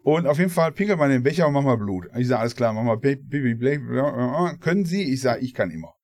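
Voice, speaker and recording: A man's voice: mid-range voice, animated, brisk, darkish tone, no echo. A man with a Ruhr German accent, co-hosting a podcast and telling rambling everyday anecdotes in casual chat, acting out the people he quotes. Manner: rambling anecdotal storytelling, acts out quoted voices. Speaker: podcast co-host.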